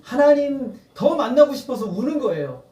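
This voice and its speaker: A man's voice: very high-pitched, sing-song, normal speed, warm tone, muffled recording. A male pastor preaching a sermon, earnest and building to emphatic appeals, breaking into laughter. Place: church sanctuary. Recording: echoey church hall, mic at a distance.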